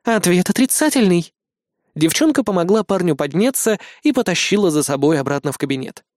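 A man's voice: fairly high pitch, sing-song, fast, a little mellow, dry recording. Male audiobook narrator, dry close sound. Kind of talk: scripted narration.

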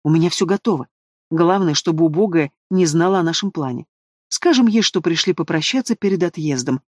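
A spiteful, scheming stepmother from a fantasy audiobook spits out her hatred, as a man puts her on. The voice sits high and is recorded close and dry. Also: lively intonation, fairly quick, dry recording. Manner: venomous, hissing with hatred. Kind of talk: audiobook character voice.

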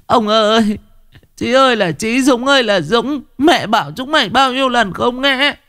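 A distraught mother cries out over her sons in a piercing, high wail, as a man voices her. Her pitch stays far above normal speech throughout the lament. It is told as a spoken ghost story. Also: animated, normal speed, bright, forceful tone, heavily acted. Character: wailing middle-aged mother.

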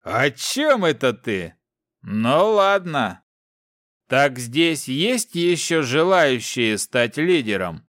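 This audiobook character voice belongs to a bullying sylph elder and commander, played by a man whose scornful delivery is contemptuous and menacing, constantly interrupting his recruits. The performance is heavily acted, with big pitch swings around a medium pitch, drawn-out words, and a slightly bright tone. The sound is clean studio audio with no room sound.

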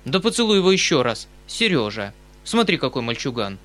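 Мужчина читает за пожилого добродушного отставного полковника, который восклицает и суетится. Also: male voice, mid-range voice, very animated, brisk, fairly bright tone. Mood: excited. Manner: exclaiming, fussy, eager. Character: excitable good-natured retired male colonel, older.

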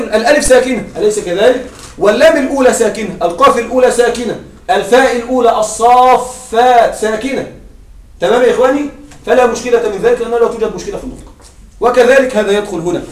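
Male grammar teacher with a very high voice, quizzing the class and repeating key points, recorded from a distance in a roomy space. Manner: asks the class questions and answers them himself. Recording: echoey room, mic at a distance.

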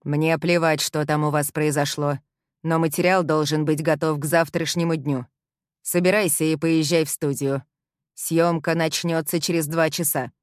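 A woman reading the lines of a stern male boss, firm and measured, in an audiobook. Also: low-pitched, fairly even intonation, no echo, clean studio sound, close to an everyday voice.

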